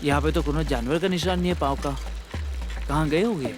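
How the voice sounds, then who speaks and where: A man's voice: a little high, a little fast, music in the background, close to an everyday voice. A man playing a doting young village husband. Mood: worried. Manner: teasing, repeats filler tags. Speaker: young husband, elder son.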